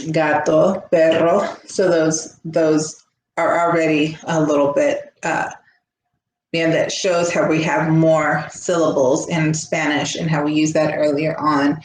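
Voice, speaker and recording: A woman teacher educator giving a recorded lecture, explaining step by step and often checking in with "right?". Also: sits low. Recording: echoey room with faint background hum.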